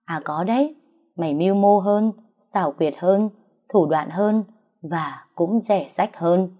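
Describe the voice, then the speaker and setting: A woman's voice: lowish voice, unhurried. A woman voicing a defiant young wife who speaks firmly and sneeringly. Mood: cutting. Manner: firm, cutting, sneering. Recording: dull lo-fi recording.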